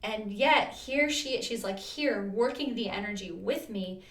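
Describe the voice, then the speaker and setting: A woman's voice: mid-range voice, animated, unhurried, a bit bright. A woman telling a personal story to her viewers in a vlog, earnest and chatty, full of restarts and fillers. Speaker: vlogger. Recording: roomy echo.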